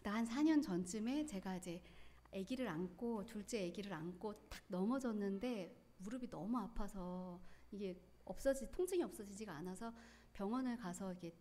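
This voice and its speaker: A woman's voice: medium pitch, dark tone. Earnest woman in her forties testifying. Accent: Gyeongsang. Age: 40s. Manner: earnest, tearful, quick bursts of feeling. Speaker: church member giving testimony. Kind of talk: emotional personal testimony.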